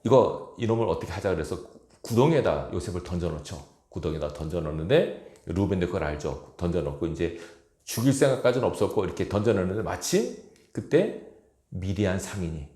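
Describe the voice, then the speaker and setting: A man's voice: low-pitched, warm tone, roomy sound. A male pastor preaching a storytelling sermon in a church, acting out the characters' quoted words. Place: church sanctuary.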